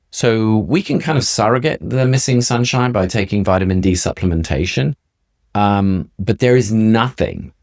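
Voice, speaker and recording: Clean studio sound with no echo captures a low, slightly mellow male voice. The speaker, a middle-aged or older functional medicine doctor appearing as a guest, talks things through conversationally, driving points home with emphasis and repetition.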